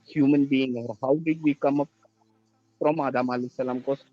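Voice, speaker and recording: A man from India, calling in with questions, halting and restarting as he searches for words. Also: medium pitch, fairly even intonation, no room sound, faint music behind. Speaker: caller. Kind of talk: call-in question to a religious show. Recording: dull lo-fi call line.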